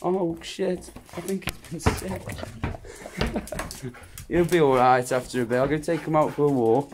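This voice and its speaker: A man filming at home, talking to his dogs in a coaxing, excitable way and laughing often. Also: fairly high pitch, unhurried. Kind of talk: casual home video chat. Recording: noisy home video.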